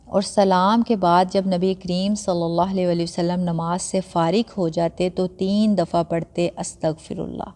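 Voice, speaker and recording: A woman giving a patient step-by-step prayer lesson, repeating recitations slowly syllable by syllable and mixing English words into conversational teaching. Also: fairly low pitch, level tone, a little mellow, big-room sound. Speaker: religious teacher.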